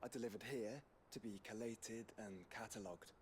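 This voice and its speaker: A man playing a composed young nobleman in a video game, formal, measured and quietly commanding. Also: fairly low pitch, fairly even intonation, heavy background noise, lightly acted.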